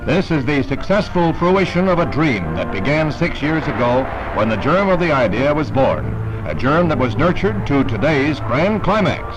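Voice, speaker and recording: A man narrating an old 1960s newsreel as a scripted announcer, with lively announcer delivery. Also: moderate pace, hardly any pauses. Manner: lively announcer delivery with broad pitch swings. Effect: old 1960s newsreel sound. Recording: dull lo-fi 1960s newsreel with loud music.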